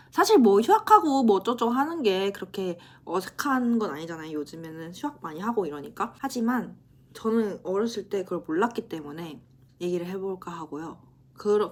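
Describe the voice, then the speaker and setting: A woman's voice: mid-range voice, lively intonation, moderate pace, breathy edge. Chatty self-teasing young woman vlogger. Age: 20s. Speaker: university student vlogger. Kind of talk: casual vlog chat.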